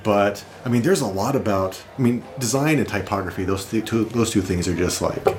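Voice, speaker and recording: A man's voice: on the low side, fairly quick, slight background noise. A man talking casually as an interview guest, reflective and rambling with restarts. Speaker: guest designer. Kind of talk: casual conversation.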